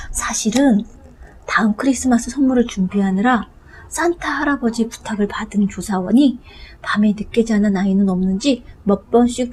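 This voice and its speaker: Woman reads playful father, hushed and confiding, fairly high voice; storybook read-aloud. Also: a little hiss or hum, natural voice, low-quality recording. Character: calm, playful father telling a secret.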